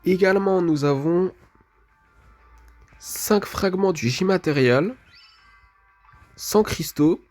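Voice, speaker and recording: A man's voice: sits high, slow, long pauses, a little mellow, soft background music. A man, casually commenting on a mobile game while opening rewards, hesitant and full of fillers. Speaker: gaming video creator.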